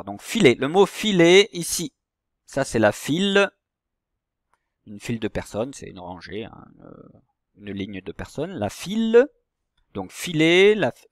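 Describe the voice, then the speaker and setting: Man, primary teacher, slow patient delivery, drawn-out syllables, dry close sound. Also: medium pitch, dry recording. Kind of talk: recorded reading lesson for young children.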